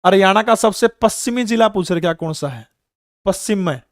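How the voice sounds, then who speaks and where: A man's voice: high-pitched, expressive, a little fast, no echo, studio quality. A man in his thirties with a Haryanvi accent, teaching an online general-knowledge exam class and quizzing students with rhetorical questions.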